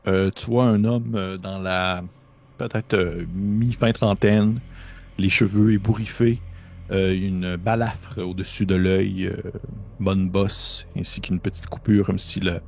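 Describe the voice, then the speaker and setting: A man's voice: deep voice, fairly even intonation, slow, vocal fry, darkish tone. A man with a Québécois accent narrating a tabletop horror game as game master, hesitant with many fillers and restarts.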